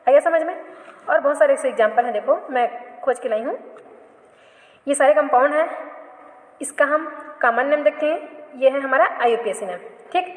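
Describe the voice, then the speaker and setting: A woman chemistry teacher giving a classroom lecture, asking questions and answering them herself, often repeating and correcting herself. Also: sits high. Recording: echoey room, long reverb.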